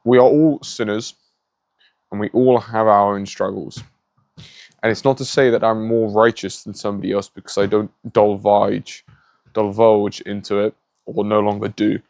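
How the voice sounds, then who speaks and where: A man's voice: on the low side, a little mellow, no echo. A man hosting a faith-based vlog, speaking earnestly and moralizing from his home by a garden pond, with frequent restarts. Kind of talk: casual spoken monologue. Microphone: phone.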